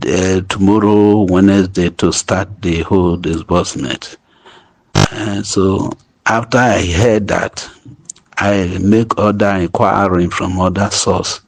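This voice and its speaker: A man, heard through a played-back voice message. His voice sits fairly low and he talks slowly, pausing and restarting his phrases as he urges a group to stay calm. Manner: halting, repeats and restarts phrases; urging calm. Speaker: group leader addressing members. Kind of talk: voice note update to a group.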